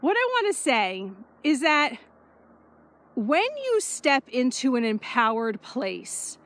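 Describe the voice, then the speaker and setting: A woman speaking as a spiritual life coach in a casual walking vlog, energetic and repetitive, swearing offhandedly. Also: high voice, slow pace. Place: outdoors, power walking.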